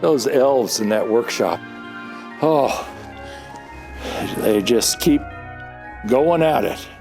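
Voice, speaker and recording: A man's voice: medium pitch, animated, extremely slow, over music. A man playing a jolly, cozy old Santa Claus fond of puns in an audio drama, with a folksy, chuckling delivery. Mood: jolly, homey.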